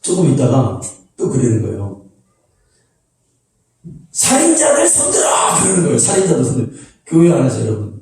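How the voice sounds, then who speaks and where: Male pastor, warm lower tone, animated sermon delivery, echoey sanctuary sound. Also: recorded from a distance. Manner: animated storytelling, acts out shouted quotes. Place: church sanctuary.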